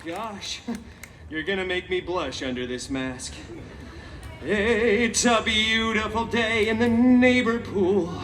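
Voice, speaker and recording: At a live outdoor theme park show, a male performer plays a cheeky, chatty masked antihero, telling stories theatrically for the crowd with sarcastic asides in a showy, excited mood. His voice is high and he takes it slowly. The sound comes through a distant PA over loud music.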